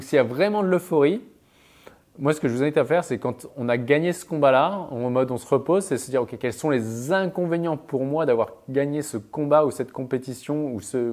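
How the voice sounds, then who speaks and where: This mental performance coach has a darkish, mid-range voice. He stresses his advice and stories with real emphasis, and short, punchy sound-effect interjections mark his key points.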